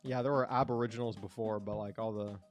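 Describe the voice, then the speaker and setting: A man's voice: fairly low pitch, steady tone, fast talker, soft background music. A man streaming a game, rambling casually and talking to his chat. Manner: rambling, chatty, talks to chat. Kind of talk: casual gameplay commentary.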